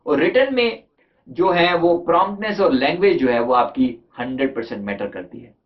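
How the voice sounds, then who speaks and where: A man's voice: on the high side, animated, normal speed. A man, a life coach, giving a conversational motivational talk on communication, asking his listeners rhetorical questions and mixing in English terms. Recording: dull lo-fi recording.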